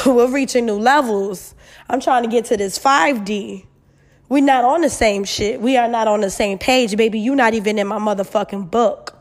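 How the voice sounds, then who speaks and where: Female host, mid-twenties, higher-pitched, emphatic and blunt, casual slangy advice talk, echo on the audio. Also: moderate pace. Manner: blunt, sassy, heavy swearing, emphatic. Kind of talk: casual solo chat with advice, frank and slangy. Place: new, mostly empty apartment. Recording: echoey near-empty apartment room.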